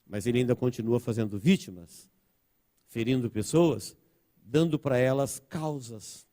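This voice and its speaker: A Brazilian man preaching a sermon as pastor, with a Brazilian Portuguese accent, repeating phrases and swinging between soft and loud. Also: mid-range voice, a little slow. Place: church sanctuary. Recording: church hall reverb.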